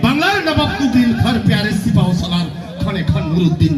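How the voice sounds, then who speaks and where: Hammy, high-pitched lecherous stage villain. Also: male voice, big pitch swings, distant mic. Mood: oily, flirtatious, boastful. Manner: hammy, declamatory, drawn-out theatrical delivery with sudden swells. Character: lecherous, boastful, menacing male stage villain. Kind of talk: hammy Bengali jatra folk-theatre stage acting. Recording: echoey stage PA from afar, music, crowd.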